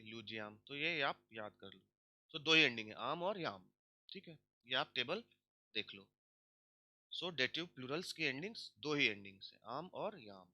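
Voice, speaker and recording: A man explains grammar in a steady lesson voice that is bright and sharp. He slows right down on the example words and poses questions before he answers them. The sound is dry and close, with no room echo. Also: medium pitch. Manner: stretches out example words slowly, asks and answers his own questions. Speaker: language teacher.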